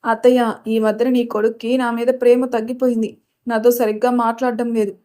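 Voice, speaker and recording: A woman's voice: on the high side, flat delivery, brisk, dark tone, natural voice. A woman voicing a spoiled, clingy young woman who pleads with her aunt in a storybook reading. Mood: pleading. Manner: whiny, pleading.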